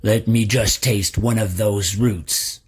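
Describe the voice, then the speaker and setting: A man voicing a big, gruff, demanding male bear in a storybook reading, talking slowly. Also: lowish voice, fairly even intonation, heavily acted. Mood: angry.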